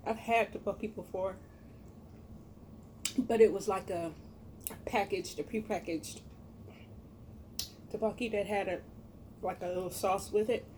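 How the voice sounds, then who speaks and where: Mellow American woman chatting casually. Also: on the high side, a little hiss or hum. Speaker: cooking vlogger. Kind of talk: casual chat to viewers.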